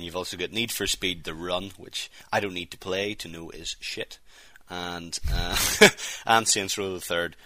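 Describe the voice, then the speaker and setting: A man's voice: sits low, bright, forceful tone, no room sound. A man co-hosting a casual podcast, giving blunt, scornful opinions. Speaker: podcast co-host. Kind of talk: casual chat.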